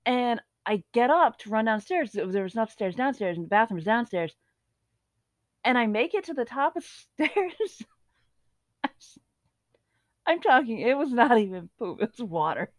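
A woman's voice: a little high, big pitch swings, normal speed, dry recording, studio quality. A young woman co-hosting a podcast, telling an embarrassing story in casual chat and laughing until she cries. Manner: laughing through her story, tearful with laughter. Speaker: podcast co-host.

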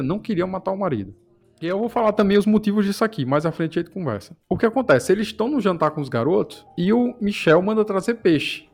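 A man hosting a casual film discussion, retelling scenes with lots of rhetorical questions. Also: fairly high pitch. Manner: animated storyteller, asks rhetorical questions. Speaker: podcast host.

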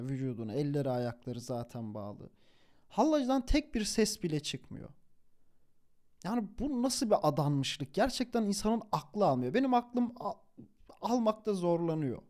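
Young male storyteller, high voice for a man, animated and casual, slangy, restarts phrases. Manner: animated, chuckles while telling; informal slang, self-corrections.

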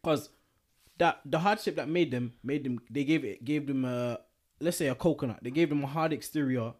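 A man's voice: mid-range voice, normal speed, darkish tone. A man co-hosting a podcast, talking in a rambling casual way and often asking if you know what he's trying to say. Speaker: podcast co-host. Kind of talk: casual chat.

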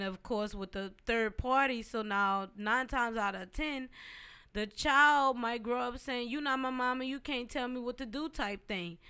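A woman co-hosting a casual podcast chat, emphatic and animated, often talking over her partner. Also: fairly high pitch, smooth. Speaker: podcast co-host. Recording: hip hop music playing loud behind.

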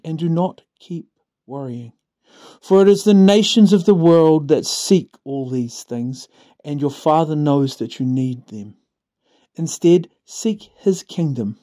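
A man with a New Zealand accent reads scripture as a short reflection for students. His voice sits a little high for a man, with a dark, relaxed tone. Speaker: school staff member giving a Bible reading.

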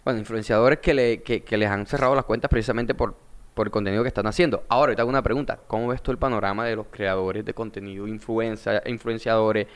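A man's voice: on the low side, steady tone, quick pace, clean tone. A man with a coastal Colombian accent interviewing casually, with informal slang and probing questions.

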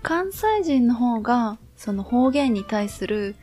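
A woman with a Kansai accent chats easily on a podcast, her voice sitting a little high. She stretches her phrases out and laughs softly now and then. Faint guitar music plays underneath. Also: big pitch swings, takes it slowly. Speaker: podcast co-host. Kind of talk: casual chat.

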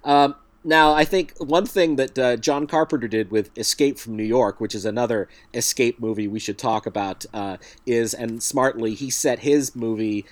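A man's voice: medium pitch, moderate pace, few pauses, no echo. Wry man dryly recapping films. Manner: wry, dryly joking, steady storyteller. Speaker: podcast co-host. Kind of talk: casual film review chat.

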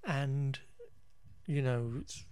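A man's voice: mid-range voice, very slow, darkish tone, clear, resonant tone, no room sound. Wry, rambling man on a podcast. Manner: rambling, wry and exasperated, with frequent restarts and laughs; occasional swearing. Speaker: podcast host recapping a film. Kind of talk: casual chat.

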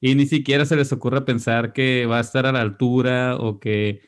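A man's voice: mid-range voice, fairly even intonation, moderate pace. A Mexican man hosting a casual podcast, laid-back and swearing freely as he talks about films. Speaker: podcast host.

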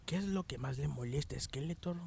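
A man telling jokes in casual chat, animated and shouting the punchlines. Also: a little high, brisk, gravelly, slight background noise. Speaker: joke teller.

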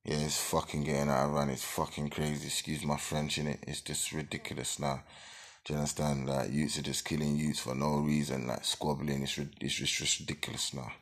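A man with an extremely low, heavy voice speaks in a London roadman accent. He rants with passion straight to his listeners, hammering points home through repetition. His talk is thick with street slang and swearing. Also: little pitch movement, brisk, gravelly. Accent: London roadman, multicultural London slang. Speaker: speaker addressing online listeners. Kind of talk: impassioned spoken rant to listeners.

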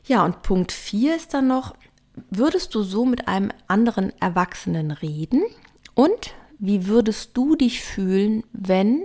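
A woman hosting a podcast and giving parenting advice in a calm, earnest monologue, talking through her points one by one. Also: mid-range voice. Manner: earnest, reflective, lists points calmly. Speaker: podcast host and parenting author.

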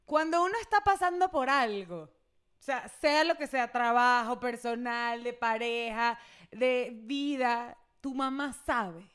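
Woman, young adult, podcast co-host; high, bright-pitched voice; playful, laughs and chimes in. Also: measured pace, clear, resonant tone. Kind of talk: casual chat.

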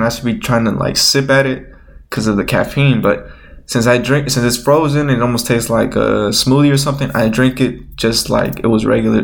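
Male podcast host, nasal and a bit congested, flat intonation, gravelly creak, casual rambling. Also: medium pitch. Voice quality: nasal, slightly stuffy-nosed. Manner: rambling, informal, thinking aloud. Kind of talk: unscripted casual chat.

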